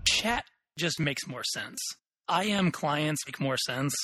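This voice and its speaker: A young man co-hosting a casual tech podcast, opinionated and quick, thinking aloud as he talks. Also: a little high, expressive, bright, forceful tone, dry recording, poor audio. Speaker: podcast co-host.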